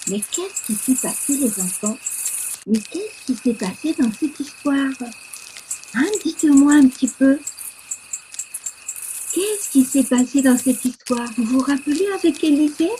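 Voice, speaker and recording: A woman with a French accent leading a children's Sunday school lesson, speaking slowly with exaggerated, exclamatory storytelling for kids. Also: high-pitched, lively intonation, warm tone, slight background noise. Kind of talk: animated lesson for young children.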